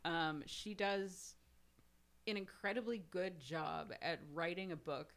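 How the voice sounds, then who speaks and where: A woman's voice: fairly low pitch, takes it slowly, fairly bright tone. A woman co-hosting a podcast, giving blunt, laid-back opinions about a book in casual chat. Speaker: podcast co-host.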